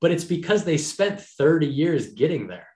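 A man in his thirties, an energetic and encouraging podcast host talking in casual chat. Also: fairly high pitch. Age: 30s. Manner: energetic, encouraging, fast-flowing talk. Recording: roomy echo.

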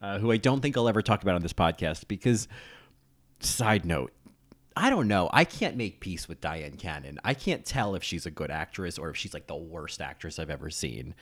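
A man in his thirties hosts a solo podcast, chatting casually and rambling with lots of ums and restarts. His deep voice is animated and moves at a normal speed.

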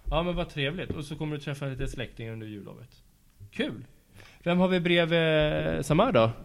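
A man working at a school, interviewing children in a casual, patient and encouraging way, asking gentle follow-up questions. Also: fairly high pitch, animated. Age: adult. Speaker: school after-school staff interviewer. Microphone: handheld mic passed to pupils.

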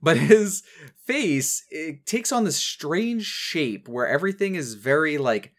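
A man's voice: on the high side, takes it slowly. Chatty man recapping a cartoon. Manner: animated, detailed, with many fillers. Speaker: podcast co-host. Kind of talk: casual chat recapping a cartoon episode.

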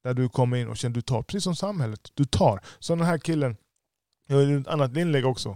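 A business owner with a lisp, giving a blunt, profane podcast monologue. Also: male voice, mid-range voice, mellow, no room sound, clean studio sound.

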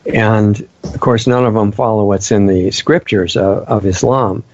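A radio host with a fairly low voice chats with his guest, agreeing often and raising his own points earnestly. The sound is muffled and lo-fi. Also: fairly even intonation, a little slow, darkish tone, a little hiss or hum. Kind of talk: casual radio talk. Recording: dull lo-fi audio.

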